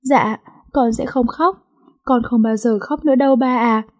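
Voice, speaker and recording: A woman voicing a tough young heiress who pleads tearfully, her voice pitched up and breathy. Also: steady tone, moderate pace, mellow, lightly acted. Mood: tearful, pleading. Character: young heiress, tough but grief-stricken daughter.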